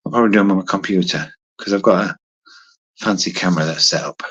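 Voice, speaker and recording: A man in his fifties talks to viewers on a casual phone livestream while doing push-ups. His voice sits a little low and is slightly husky. He speaks in a hesitant, rambling way, thinking aloud as he goes. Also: fast talker, fairly bright tone, highs cut off. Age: 50s. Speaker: livestream host. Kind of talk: casual live chat to viewers.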